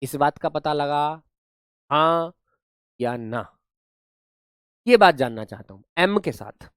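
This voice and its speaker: A man's voice: fairly high pitch, animated, slow, fairly bright tone, clear, resonant tone, no echo, studio quality. A man teaching English grammar in a live online class, explaining through playful rustic storytelling.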